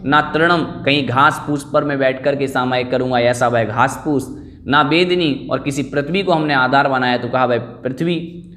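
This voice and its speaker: A man's voice: mid-range voice, normal speed, fairly bright tone. A man teaching an online scripture class, explaining verse after verse and drilling the pronunciation of each word.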